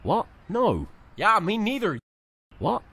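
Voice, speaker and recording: Deadpan cartoon voice, medium pitch, slow and very sing-song. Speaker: voice actor in a fan cartoon. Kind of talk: absurd sketch comedy voice acting.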